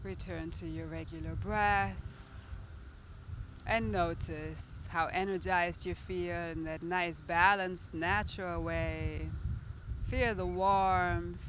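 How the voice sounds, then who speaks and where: A woman yoga instructor calmly guiding a breathing practice in a measured, soothing way. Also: lowish voice, a little hiss or hum.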